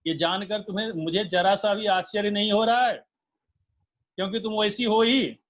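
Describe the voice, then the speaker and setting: Guy reading as an angry householder yelling n stammering, high voice, muffled lo-fi sound. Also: fairly quick. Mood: furious. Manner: shouting, stammering with rage. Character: angry male householder, stern then remorseful. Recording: dull lo-fi recording.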